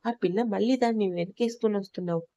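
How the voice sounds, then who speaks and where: A woman's voice: mid-range voice, fast, mellow, no room sound, dull audio, close to an everyday voice. Woman reading as an angry young man.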